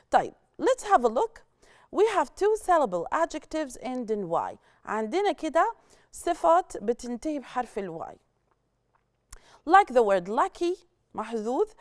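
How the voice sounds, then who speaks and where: Egyptian lady teacher, high-ish voice, very bouncy, dry sound, keeps asking okay?. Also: no room sound. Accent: Egyptian Arabic. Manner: explains in Arabic, then switches to English examples; lively, questioning, checks in with students. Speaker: English teacher. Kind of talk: recorded classroom lesson.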